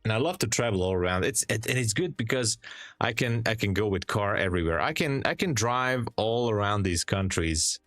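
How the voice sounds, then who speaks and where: A man's voice: fairly low pitch, lively intonation, a little fast, a bit bright, no room sound, clean studio sound, soft background music. A young Hungarian man with a Hungarian accent, streaming live trades and chatting casually with viewers, laughing often and restarting his sentences as he reads the chat. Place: home trading room. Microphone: headset.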